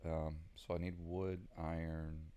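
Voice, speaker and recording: A gaming video creator from the Southern United States, speaking with a Southern American accent, gives casual, rambling gameplay commentary, thinking aloud with lots of ums. His voice is extremely low, level, warm, and smooth, and he talks slowly.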